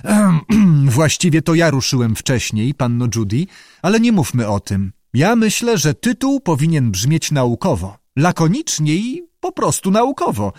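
A pompous sea captain, clearing his throat and stumbling over grand words, his lively voice pitched up from the reader's own, played by a man. The storybook recording is dry and close. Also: moderate pace, no room sound.

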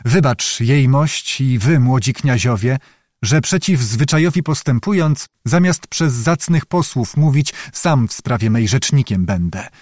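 A man's voice: medium pitch, expressive, measured pace, a little mellow, no echo, close to an everyday voice. Male reader as a stern young noble officer, commanding, unshaken, close dry sound.

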